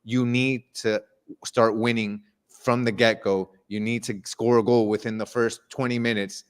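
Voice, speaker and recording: A man's voice: mid-range voice, little pitch movement, a little slow, smooth. A man, co-hosting a casual sports live stream, emphatic and confident, often repeating words as he builds a point. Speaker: sports show co-host.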